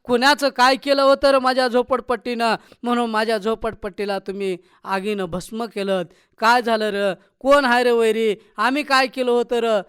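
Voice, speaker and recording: A man voicing a poor village mother who keens loudly over her lost child and home, in a radio story reading. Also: very high voice, fairly even intonation, normal speed, clean tone, pitched above the performer's own voice. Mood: wailing grief. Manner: keening, loud lament.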